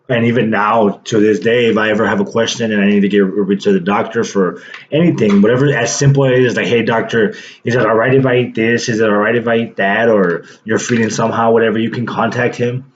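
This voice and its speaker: A vlogger in his late twenties tells viewers a personal story to camera, rambling loosely with plenty of fillers and restarts. His voice is mid-range, and the recording has cut-off highs plus a bit of hiss or hum.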